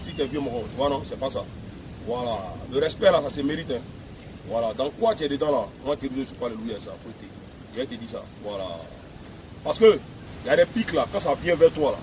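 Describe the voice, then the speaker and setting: A man's voice: a little high, background noise. A man giving an emphatic, repetitive video message outdoors at a beach. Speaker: music personality addressing fans.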